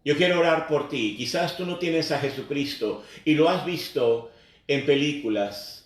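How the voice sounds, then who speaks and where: A man's voice: on the high side, measured pace. A man preaching a sermon, earnestly repeating phrases and speaking directly to the congregation. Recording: very echoey, voice far from the mic.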